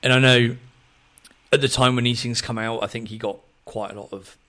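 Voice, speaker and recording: A man hosting a podcast, chatting about music in a relaxed, thoughtful way with plenty of ums. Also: medium pitch, brisk. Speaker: podcast host. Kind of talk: casual music chat.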